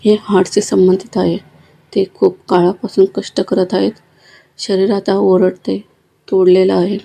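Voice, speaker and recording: A woman's voice: mid-range voice, flat delivery, measured pace, gravelly, mellow. A woman reading as a grave, matter-of-fact doctor.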